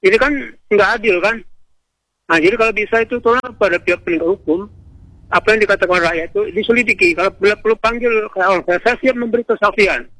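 A man's voice: high-pitched, fast, pushed and bright, no room sound. A man from Indonesia calling in to a radio show by phone. He talks in an outspoken, rambling way and often breaks off and restarts. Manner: outspoken, rambling, self-interrupting. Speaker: radio caller. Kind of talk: call-in opinion on a radio show. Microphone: telephone. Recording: phone line into radio broadcast.

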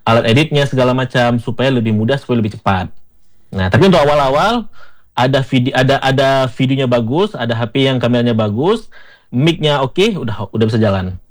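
Acehnese man guest, casual explainer, repeats himself, mid-pitched. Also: animated, brisk. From Aceh, Indonesia. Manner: explanatory, repeats words and says "betul". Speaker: guest content creator. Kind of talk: casual interview talk.

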